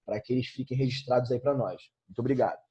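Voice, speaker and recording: A man's voice: medium pitch, quick pace, mellow, husky, highs cut off. A Brazilian man teaching an informal online grammar lesson, repeating points and checking in with frequent tag questions. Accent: Brazilian Portuguese.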